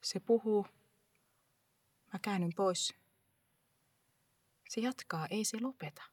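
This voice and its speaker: A woman performing a dramatic first-person monologue with an intense, hushed delivery. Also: medium pitch, breathy edge, dry recording.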